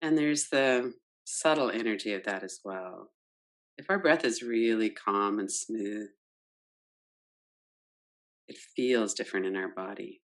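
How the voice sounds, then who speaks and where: A meditation teacher, a woman with an extremely low-pitched voice, leads a guided yoga nidra meditation. She is gentle and unhurried, guiding with soft questions.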